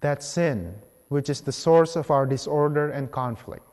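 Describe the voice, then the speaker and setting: At the ambo of a large church sanctuary, a man delivers a homily in a fairly high-set, darkish voice. Like a priest at the lectern, he preaches in measured, deliberate phrases separated by pauses. Long church reverb trails after each line.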